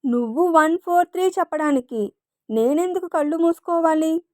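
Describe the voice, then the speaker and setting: A teasing young lover in a read-aloud romance story, put on by a woman narrator. He needles his beloved, playful and sure of himself. The high voice sits close and dry. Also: normal speed, a little mellow, no room sound.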